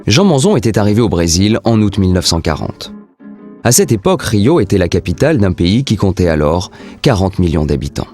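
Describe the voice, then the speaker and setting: Low-voiced male documentary narrator. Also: very animated, brisk, a little mellow, soft background music. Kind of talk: scripted narration.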